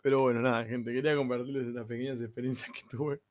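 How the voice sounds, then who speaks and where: A man's voice: medium pitch, quick pace. A young man with a Rioplatense Spanish accent telling funny anecdotes in a casual, slangy way, laughing as he goes. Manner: laughing, slangy, animated retelling with quoted voices. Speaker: storyteller.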